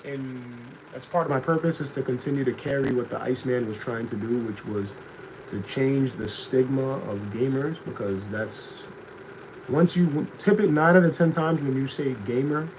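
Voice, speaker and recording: A young man streaming casually without a proper mic, animated one moment and low and reflective the next as he talks to his chat. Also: normal speed. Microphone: no proper mic, built-in device mic. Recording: noisy stream audio.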